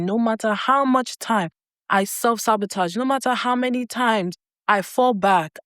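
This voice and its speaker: A woman coach talks straight to her viewers in an earnest motivational tone, repeating key phrases slowly for weight. Her voice sits at an ordinary middle pitch. The recording is dry and close, with no room echo. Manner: earnest, slow emphatic repetition. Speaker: self-concept coach.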